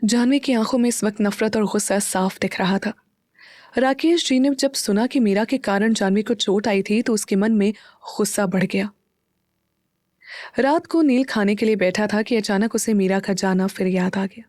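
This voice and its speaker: A woman's voice: mid-range voice, moderate pace, a little mellow, dry recording. Female audiobook narrator, dry close sound.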